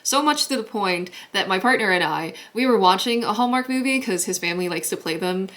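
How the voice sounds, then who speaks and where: A woman's voice: mid-range voice, expressive, brisk, fairly bright tone. A young woman vlogger from Guatemala chatting to camera in a bubbly way, laughing often as she talks. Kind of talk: casual chat to camera.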